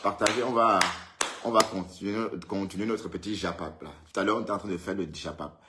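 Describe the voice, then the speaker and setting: A man's voice: sits low, fairly even intonation, fairly quick, very noisy. A man hosting a casual live stream, greeting viewers by name and teasing them in a chatty way. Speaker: livestream host. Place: indoors, at home in Europe.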